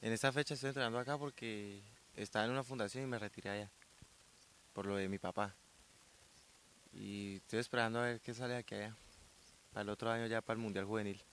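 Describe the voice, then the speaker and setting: A sixteen-year-old young man from Colombia, a weightlifter answering interview questions outdoors into a handheld mic, soft-spoken and modest. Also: on the low side, steady tone, fast, long pauses, slight background noise. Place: outdoors by a sports ground. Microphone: handheld reporter mic.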